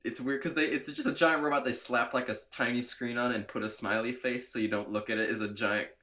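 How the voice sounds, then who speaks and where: A man's voice: mid-range voice, steady tone, quick pace, pushed and bright. A young man co-hosting a casual movie podcast, talking with rambling enthusiasm and laughing often. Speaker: podcast co-host.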